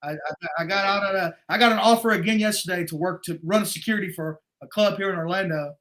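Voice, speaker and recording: A middle-aged man talking as a guest in a casual conversation, telling stories in a rambling, animated way. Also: sits high, fast. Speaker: guest martial arts instructor.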